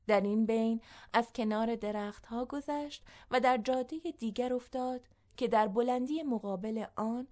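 Woman narrating a story, slightly high. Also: darkish tone.

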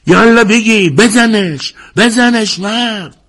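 A man voicing an excitable grown male gambler in an audiobook, shouting in a high, drawn-out voice. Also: slightly rough. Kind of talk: audiobook character voice.

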